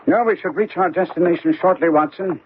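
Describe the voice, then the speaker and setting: An actor playing Sherlock Holmes as a brisk, dryly amused gentleman detective in a radio mystery, with precise, formal phrasing. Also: sits high, slight background noise, close to an everyday voice. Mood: brisk, keen. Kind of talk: radio mystery drama acting. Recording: muffled, narrowband old radio recording.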